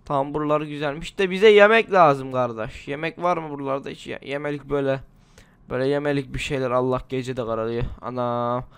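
A man's voice: medium pitch, steady tone, fast, creaky, clear, resonant tone, no room sound. Rambling man commenting on a survival game. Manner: chatty, rambling, talks to himself while playing. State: slightly ill. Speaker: gaming channel host. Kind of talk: casual gameplay commentary.

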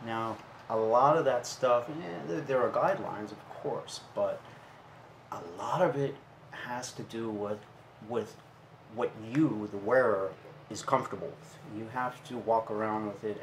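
Lower-voiced man chatting in an echoey hat shop. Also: a little slow, slight background noise. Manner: relaxed, chatty, demonstrates hats as he talks. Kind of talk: casual explanatory shop talk.

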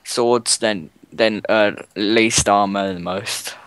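A young man co-hosting a gaming video, chatting casually and barking quick orders. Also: on the low side, smooth, dry recording. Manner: excitable, quick bursts of orders. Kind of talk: casual gameplay chat.

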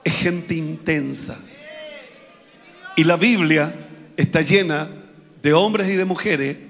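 A male pastor, preaching a fervent sermon that keeps repeating and building to shouts. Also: a little high, slow pace, creaky, long reverb tail. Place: church.

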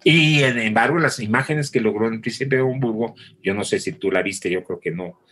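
A man, a theatre actor, telling anecdotes in relaxed conversation and acting out the people he quotes. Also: lowish voice, moderate pace, breathy edge. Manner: animated storyteller acting out quoted voices. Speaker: theatre actor, interview guest.

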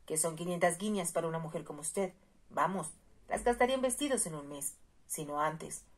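A woman reading the lines of a proud, angry young male marquis in a storybook reading, with a forceful, exasperated delivery. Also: on the low side, brisk, lightly acted.

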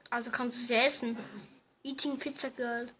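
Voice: medium pitch, flat delivery, moderate pace, pushed and bright. A young co-player chatting casually during a game, chiming in with short remarks. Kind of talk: casual chat while gaming.

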